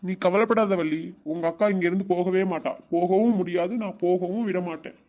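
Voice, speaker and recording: A man's voice: sits high, brisk, a little mellow, close to an everyday voice. A man voicing a heartbroken, earnest young village man in a cartoon, pleading and sincere. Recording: dull lo-fi sound.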